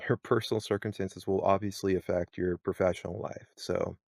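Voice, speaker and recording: Deep guy hosting a podcast, lots of you knows and restarts, dry mic. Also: fairly even intonation, normal speed, creaky, darkish tone, no echo. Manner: rambling, many fillers and restarts. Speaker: podcast moderator. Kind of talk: casual podcast chat.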